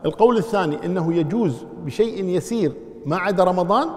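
Man, Islamic law teacher, quizzes his class, slightly high voice, long hall reverb. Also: quick pace, a little mellow. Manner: explains step by step, asks the class questions. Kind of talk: lecture explaining a text.

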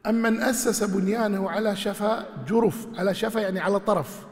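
Man, scripture teacher, measured recitation, slightly high voice, roomy hall echo. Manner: recites verses slowly, then explains. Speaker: Islamic scholar. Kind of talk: Quranic exegesis lesson. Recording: echoey hall.

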